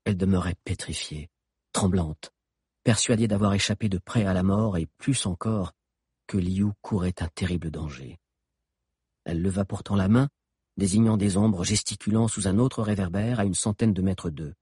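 A man narrating an adventure audiobook with an expressive, dramatic reading. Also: low-pitched, normal speed, husky, no room sound, clean studio sound. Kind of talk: scripted narration.

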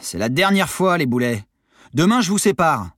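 A man doing a fed-up sailing instructor who barks and scolds at teenagers, raised well above a normal speaking pitch. His voice is loud and slightly husky, in a dry close recording. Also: sing-song, normal speed, dry recording. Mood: exasperated. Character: exasperated adult male sailing instructor.

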